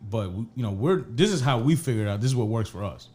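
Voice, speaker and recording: A man co-hosting a casual podcast chat, loud, slangy and profane, close to the mic. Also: mid-range voice, lively intonation, fast talker. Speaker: podcast co-host.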